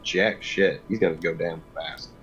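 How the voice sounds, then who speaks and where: A man's voice: sits low, steady tone, measured pace, a bit bright, soft background music, low-quality recording. A man playing in a tabletop game, talking casually and bluntly, with some swearing. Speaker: player.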